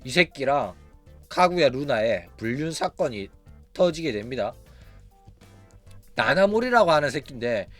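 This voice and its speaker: A man's voice: mid-range voice, big pitch swings, measured pace, pauses often, faint music behind. A man hosting a casual commentary channel, talking bluntly and animatedly with frequent rhetorical asides. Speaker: VTuber news channel host.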